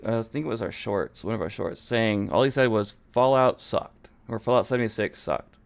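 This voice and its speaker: Gravelly podcast guy ranting about games, opinionated. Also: lowish voice, normal speed. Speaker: podcast co-host. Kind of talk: casual gaming chat.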